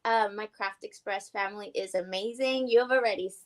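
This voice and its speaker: A young adult woman, an award-winning guest, talking excitedly in a casual interview chat. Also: medium pitch, fairly quick, low-quality recording. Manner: excited, upbeat, talkative.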